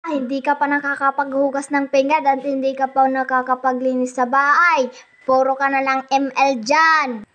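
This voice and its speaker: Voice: sits high, flat delivery, moderate pace, sharp tone, lo-fi sound. A child acting out a bossy mother who scolds her kids in a homemade comedy skit. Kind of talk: comedy skit with one performer doing every role.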